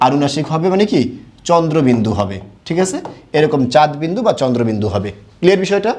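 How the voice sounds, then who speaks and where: A man from Bangladesh teaching an online grammar lesson, who keeps asking quick questions and then answers them himself. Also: a little high, very animated, a little mellow.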